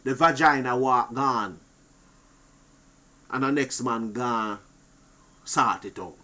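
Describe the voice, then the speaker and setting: A man giving an animated, preachy monologue to other men, swinging between loud outbursts and low asides. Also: slow. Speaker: channel host.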